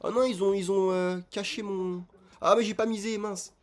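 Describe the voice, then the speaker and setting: Male casino streamer, excitable and chatty, casual commentary aimed at viewers. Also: high voice, moderate pace. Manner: excitable, talks straight to viewers.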